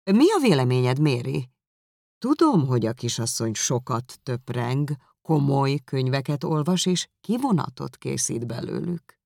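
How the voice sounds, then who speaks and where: An ironic, teasing father, calm and mock-serious, as a woman reading aloud puts him on. Her low, gravelly voice sits close and dry. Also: no echo, heavily acted.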